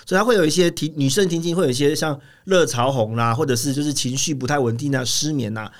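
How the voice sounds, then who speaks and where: A quick, animated male doctor, speaking a bit high and rushing his words. He tells stories chattily into a studio mic and laughs often. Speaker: urologist guest. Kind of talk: animated storytelling in a radio interview.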